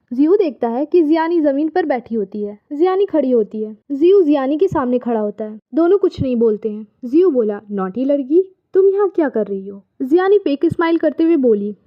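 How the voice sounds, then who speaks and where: High-voiced woman narrating a comic recap. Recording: dull, muffled recording.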